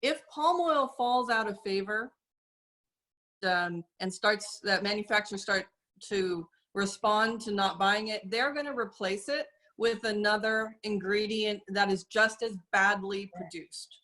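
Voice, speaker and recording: A woman speaking as an interview guest, explaining carefully and earnestly, with frequent pauses and fillers. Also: mid-range voice, bright, forceful tone. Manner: measured, earnest, many fillers. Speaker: guest, soap company representative. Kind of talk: casual interview talk.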